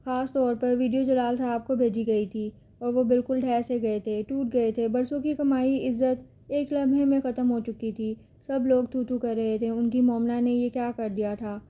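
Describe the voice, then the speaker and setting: A woman narrating a dramatic novel in a steady storytelling manner. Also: on the high side, few pauses, highs cut off. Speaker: audiobook narrator.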